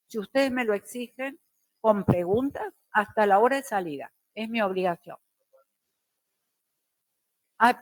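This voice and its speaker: A middle-aged woman teacher, lecturing a class slowly and deliberately with careful diction. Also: on the high side, no echo.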